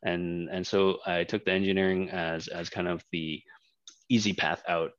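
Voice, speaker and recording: A man's voice: low-pitched, little pitch movement, normal speed, no room sound. A man in his thirties from Canada, born in Hong Kong, a startup co-founder talking casually in an interview with many fillers and restarts. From Hong Kong, raised in Canada. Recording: dull lo-fi dry sound.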